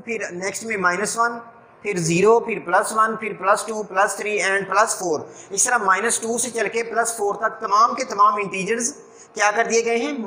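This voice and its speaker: A man's voice: high-pitched, bright, forceful tone. A male math teacher patiently explaining each step to his students, dropping English math terms into his speech. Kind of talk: recorded classroom lesson. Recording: echoey room.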